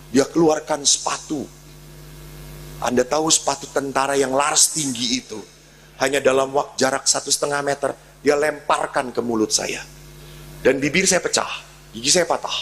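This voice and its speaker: Gravelly priest telling a story. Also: male voice, medium pitch, fairly bright tone, a little hiss or hum, poor audio. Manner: storytelling with humor, chuckling often. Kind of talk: sermon.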